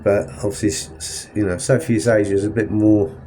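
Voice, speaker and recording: Brisk and mellow, a lowish male voice with a level tone narrates a casual travel vlog from a Ferris wheel cabin at night. He's English, has a stuffed-up nose and sniffles, and rambles while correcting himself. Slight background noise is present.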